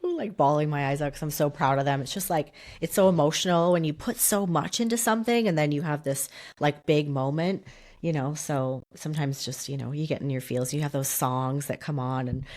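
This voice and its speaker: A middle-aged woman co-hosting a podcast in casual chat, a little nasal and raspy from a cold, chatty and prone to wandering off on tangents. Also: low voice, fairly quick, darkish tone. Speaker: podcast co-host.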